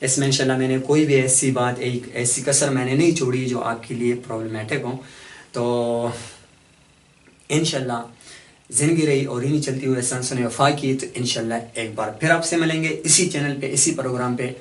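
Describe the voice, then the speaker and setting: A man teaching a math lesson. He explains each step slowly, keeps asking questions and then answers them himself. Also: mid-range voice, steady tone. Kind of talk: classroom lecture. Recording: echoey room, mic far off.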